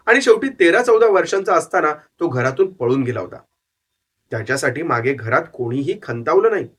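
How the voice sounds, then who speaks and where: A man narrating a horror story as a storyteller, reading in a measured, descriptive way. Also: a little high, a bit bright.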